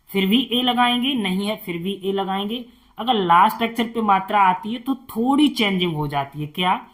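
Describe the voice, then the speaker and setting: A tutor teaching beginners to spell names, talking slowly, repeating each word and answering his own questions. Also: sits high, fairly bright tone.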